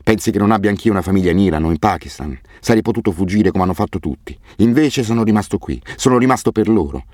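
A man voicing a weary, guilt-ridden orphanage director who speaks haltingly and turns bitterly defensive. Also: on the low side, animated, a little mellow, dry recording, studio quality, voice pushed up.

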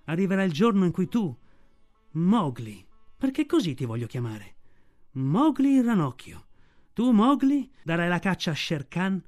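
A man's voice: on the high side, very animated, normal speed, faint music behind. A man voicing a fierce, protective mother she-wolf in an audiobook, speaking defiantly in a raised voice. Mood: tender. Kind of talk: audiobook reading.

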